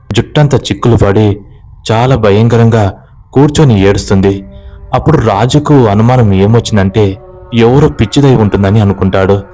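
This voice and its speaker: A man narrating a horror story in a brisk, dramatic way. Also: lowish voice, mellow.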